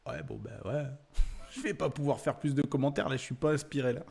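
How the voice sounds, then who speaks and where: A man's voice: medium pitch, brisk, gravelly, a little mellow, husky, soft background music. A young man giving chatty, laughing commentary while browsing a website, thinking aloud with lots of fillers. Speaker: YouTuber exploring a website. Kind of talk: casual screen-share commentary.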